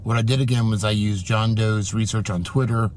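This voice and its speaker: A man's voice: fairly low pitch, steady tone, brisk, a little mellow, slight background noise. A man narrating a scripted commentary video, reading out dates and reports one after another. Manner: reads out dates and reports in order. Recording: clip with music playing behind.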